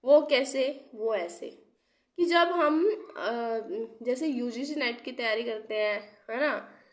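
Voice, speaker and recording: Unwell and coughing from time to time, a young female English literature teacher delivers an exam-prep lecture slowly, her fairly high voice full of lively intonation. She keeps asking rhetorical questions, repeats the key terms, and checks in often by saying "theek hai."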